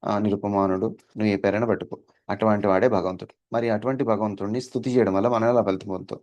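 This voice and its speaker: A man giving a devotional discourse as a spiritual teacher. He explains step by step, fills pauses with drawn-out "aa" sounds, slips in English words and keeps asking his listeners whether they understood. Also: lowish voice, fairly even intonation, darkish tone, muffled recording. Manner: drawn-out "aa" fillers.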